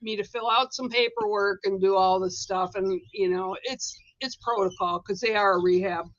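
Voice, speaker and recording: On a spirituality livestream with dull, lo-fi audio, a woman tells a story in casual chat, animatedly acting out the voices of its characters. She speaks at medium pitch and a moderate pace.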